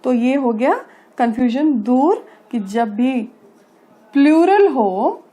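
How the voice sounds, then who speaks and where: Grammar teacher, female, high-pitched voice, patient and repetitive explainer. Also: lively intonation, warm tone, muffled recording. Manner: explains slowly, checking understanding with frequent tag phrases; reads English examples slowly and carefully. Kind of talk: classroom-style grammar lesson.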